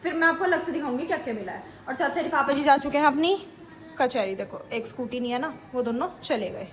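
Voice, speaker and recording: High-voiced chatty woman vlogging at home. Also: lively intonation, fast talker. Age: 40s. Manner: chatty, scolding and teasing a child. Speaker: family vlogger. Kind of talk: casual home vlog narration.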